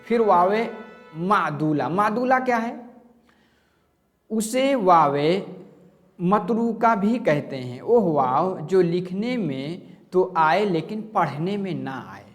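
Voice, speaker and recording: Male teacher with a slightly high voice and a slow, deliberate delivery, quizzing and answering himself. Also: expressive, long reverb tail, soft background music. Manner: asks questions and answers them himself; slow and repetitive explaining. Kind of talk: online grammar lesson.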